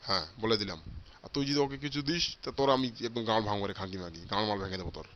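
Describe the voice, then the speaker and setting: A man voicing a stingy, foul-mouthed old father in a comic cartoon, shouting and cursing at his family. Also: on the low side, lively intonation, rapid-fire, muffled recording, a little hiss or hum. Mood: angry. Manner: shouting, cursing, repeating threats.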